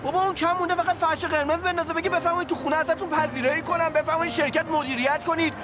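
An exasperated, scolding young friend. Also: male voice, extremely high pitch, steady tone, a crowd in the background. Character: exasperated young man lecturing his friend. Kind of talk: TV drama acting.

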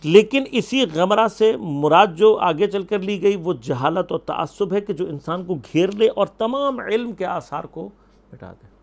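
A man's voice: high voice, animated, gravelly. A man teaching Quran commentary, explaining verses with rhetorical questions and quoted Arabic. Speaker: religious scholar.

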